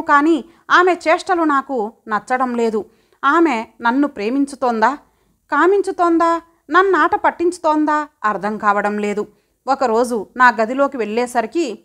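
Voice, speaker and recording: Woman audiobook narrator, high voice, measured first-person storytelling. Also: fairly bright tone.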